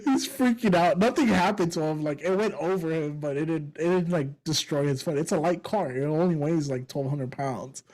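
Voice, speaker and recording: A young man with a fairly high voice chats casually on a podcast. He tells stories with lots of laughter and animated energy, often breaking into chuckles mid-sentence. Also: moderate pace, hardly any pauses, low-quality recording. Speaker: podcast co-host. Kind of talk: casual podcast chat and storytelling.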